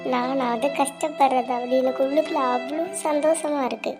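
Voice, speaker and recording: A woman's voice: steady tone, measured pace, over music. A woman voicing a scheming two-faced cartoon girl. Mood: mock sympathy. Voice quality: high, sly asides. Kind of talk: cartoon voice acting.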